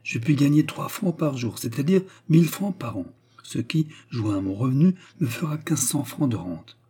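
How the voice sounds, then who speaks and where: A man's voice: mid-range voice, lively intonation, moderate pace, warm tone, husky, pitched above the performer's own voice. A man voicing a scheming young kept woman in an audiobook reading, pleading and then commanding her lover. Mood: coaxing.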